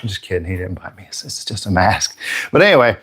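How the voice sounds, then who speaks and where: A man's voice: low-pitched, lively intonation, quick pace, fairly bright tone, a little hiss or hum. A man hosting a live airbrush painting stream, chatting casually and joking with viewers, slightly out of breath.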